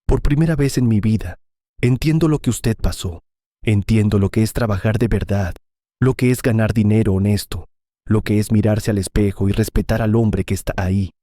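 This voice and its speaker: A man voicing a remorseful grown son who confesses his failings in a letter to his mother, read slowly and heavily as a scripted audio story. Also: on the low side, warm tone, dry recording, clean studio sound, lightly acted.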